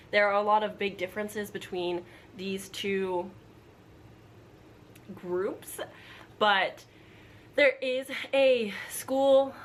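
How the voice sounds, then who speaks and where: At home indoors, a woman book vlogger chats casually to camera to announce a readalong, rambling informally with frequent asides. Her mid-range voice is a bit bright, and background room noise includes a household appliance.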